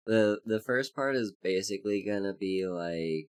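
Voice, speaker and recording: On a casual livestream, a low-voiced VTuber greets chat members by name while rambling, with frequent fillers. Congestion and hoarseness color the speech.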